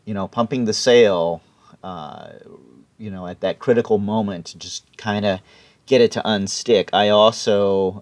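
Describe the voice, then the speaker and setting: A man talking through his technique in an unscripted vlog, halting and thinking aloud with many fillers. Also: sits low, no echo. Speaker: vlogger, amateur wind sports rider. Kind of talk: explanatory vlog talk, unscripted.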